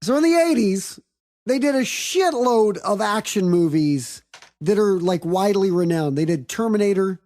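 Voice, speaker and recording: A woman's voice: mid-range voice, animated, moderate pace, dark tone. A woman hosting a casual film review chat, speaking emphatically with plenty of slang and swearing. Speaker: podcast host.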